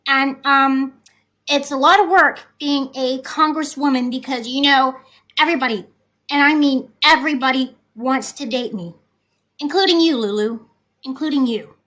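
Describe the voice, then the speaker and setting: A woman's voice: high voice, moderate pace, fairly bright tone. A woman voicing a conceited, flirtatious congresswoman as a hesitant guest in a comic parody interview. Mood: smug, halting.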